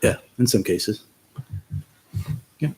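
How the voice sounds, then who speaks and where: A man's voice: takes it slowly, darkish tone, low-quality recording. A man, a town IT director, methodically walking a committee through budget line items with frequent ums, in a meeting recording with faint noise.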